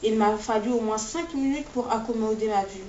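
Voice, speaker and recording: A woman author reading aloud from her own novel in a steady, measured way, in short phrases, in a classroom. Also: on the high side, a little hiss or hum. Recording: distant, echoey, dull-sounding recording.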